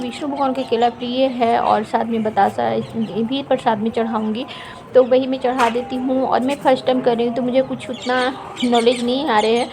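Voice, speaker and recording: A woman vlogger narrating her video in a fast, chatty voice-over, with frequent fillers. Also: a little high, noisy background. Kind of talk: casual vlog voice-over.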